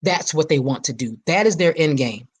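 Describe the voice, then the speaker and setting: A woman's voice: low-pitched, expressive, normal speed, husky. A woman hosting her own podcast in an impassioned, preacher-like monologue, repeating phrases for emphasis. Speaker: podcast host.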